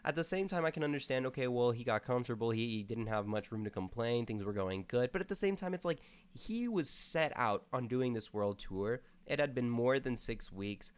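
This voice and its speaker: A man chatting casually about a movie, emphatic and animated, with lots of filler words. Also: mid-range voice, a little fast, few pauses, clear, resonant tone. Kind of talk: casual chat about a film.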